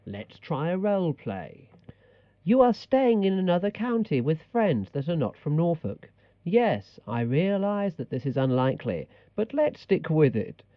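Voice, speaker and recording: Man playing a bossy, animated language-tape instructor. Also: a little high, unhurried, no room sound, highs cut off. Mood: instructive. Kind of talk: scripted comedy narration.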